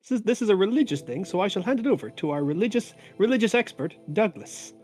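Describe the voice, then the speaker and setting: A man's voice: sits high, expressive, quick pace, a little mellow. A man playing in a tabletop game, casual and stammering with restarts. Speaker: player. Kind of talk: casual tabletop role-play.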